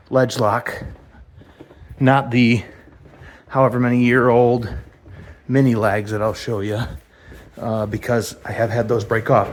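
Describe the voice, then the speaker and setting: Guy rambling thru his stage set build, chatty, middle pitched voice. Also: a little mellow. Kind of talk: casual build vlog narration. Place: theater stage and workshop.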